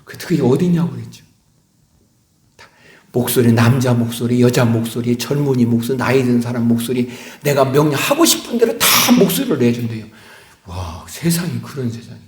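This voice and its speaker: A middle-aged male pastor preaching a sermon, swinging between loud emphasis and hushed whispers. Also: mid-range voice, expressive, normal speed. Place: church sanctuary. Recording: echoey church hall.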